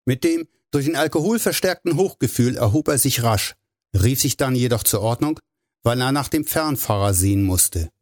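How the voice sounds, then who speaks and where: A man narrating a novel in a measured storytelling way. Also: medium pitch, expressive, darkish tone, dry recording, studio quality. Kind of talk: audiobook narration.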